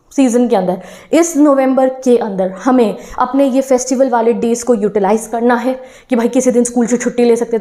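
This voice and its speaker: A woman's voice: a little high, darkish tone. A young woman teacher giving an encouraging talk to exam students, switching between Hindi and English phrases. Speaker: online teacher.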